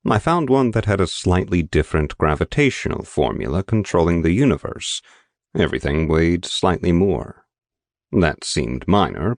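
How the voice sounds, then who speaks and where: A man with a very deep voice reads an audiobook in the first person, his pacing slow, measured and steady. The sound is close-miked and dry, a dead studio recording with no echo or room tone.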